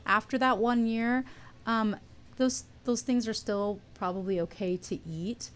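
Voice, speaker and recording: A woman's voice: fairly high pitch, fairly even intonation, unhurried. A woman guest on a radio talk show, explaining things patiently with frequent ums. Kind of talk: casual radio interview.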